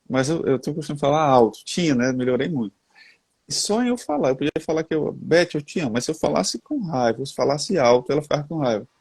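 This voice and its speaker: A creaky, darkish, mid-range voice with no echo belongs to a man with a Brazilian Portuguese accent discussing communication on a headset. His talk is folksy and talkative, and he calls listeners "gente" and "cara".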